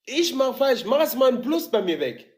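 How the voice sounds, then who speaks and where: A man's voice: very high-pitched, very animated, normal speed, darkish tone. A man from Gabon hosting a casual video-call chat, teasing and questioning his guest playfully. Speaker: live-stream host.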